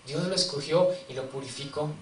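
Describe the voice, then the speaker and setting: A man's voice: a little high, brisk, a little hiss or hum. A man preaching a sermon with a conversational, storytelling manner, asking his congregation questions and acting out what people said. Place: church. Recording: distant mic in a reverberant church, faint ambience.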